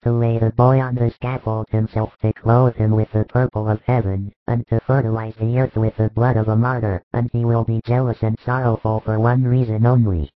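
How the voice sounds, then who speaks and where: A man voicing Jesus as a solemn, gentle teacher with measured authority in a dramatized scripture story. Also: mid-range voice, flat delivery, no room sound, soft background music, lightly acted. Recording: muffled, phone-like audio.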